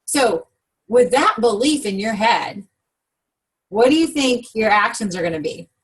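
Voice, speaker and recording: A sales team director leads a training talk in an upbeat coaching style, frequently questioning her listeners. Her voice is a little high, animated and slightly slow, with a breathy edge, in a rough recording.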